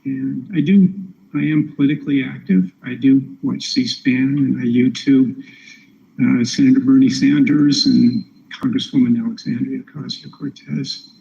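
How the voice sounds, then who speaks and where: A man in his seventies making an informal public comment, hesitant, polite and apologetic, with halting phrases. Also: mid-range voice, fairly even intonation, creaky, dark tone. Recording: dull, muffled meeting-room sound with noise.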